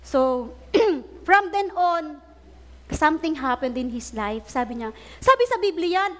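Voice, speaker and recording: A woman preacher, telling a story in her sermon with animated delivery and English phrases mixed in. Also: sits high, takes it slowly. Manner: animated storytelling, acting out quoted prayers; mixes Tagalog with English phrases.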